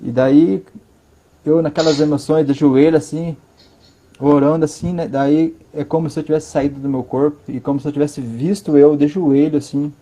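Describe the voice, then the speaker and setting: A man with a Brazilian Portuguese accent tells his story in earnest from his living room. He pauses often and repeats words to stress them. His voice sits a bit high but sounds soft and mellow. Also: steady tone. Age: adult, father of a five-year-old. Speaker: interview guest. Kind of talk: personal testimony in conversation.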